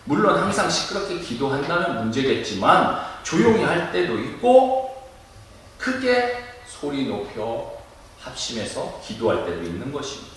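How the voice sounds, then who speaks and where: A male pastor preaching a sermon in a church, lively and demonstrative, acting out loud cries to make his point. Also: fairly high pitch, moderate pace, a little hiss or hum. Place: church sanctuary. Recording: echoey room, mic at a distance.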